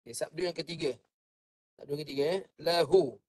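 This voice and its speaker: A man teaching Quran recitation. He explains each point calmly and sings the verses in a drawn-out chant for students to copy. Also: on the high side, slightly rough, dry recording. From Malaysia. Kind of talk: slow patient recitation lesson. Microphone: online class microphone.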